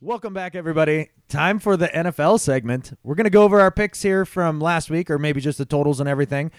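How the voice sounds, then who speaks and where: Man, podcast co-host, casual sports chat, smooth clear voice, dry close sound. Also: a little high, fast talker, no room sound, soft background music. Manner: laid-back, laughs often, swears casually.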